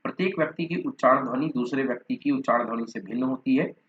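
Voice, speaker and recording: A man's voice: mid-range voice, quick pace. A man teaching a lesson, reading notes aloud, listing terms one by one and sometimes repeating or correcting himself. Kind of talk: Hindi lecture reading from notes. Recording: dull lo-fi recording.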